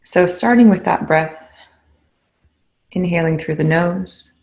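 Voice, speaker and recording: In a fairly low-pitched voice, a woman calmly talks listeners through a guided meditation, her gentle prompts coming slowly and steadily.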